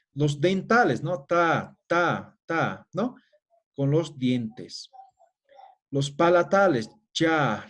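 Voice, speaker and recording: A man's voice: on the high side, slightly rough. A middle-aged man teaching a language class, explaining step by step and checking in with listeners after nearly every phrase. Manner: explanatory, tag questions after each phrase. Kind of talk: classroom-style lecture.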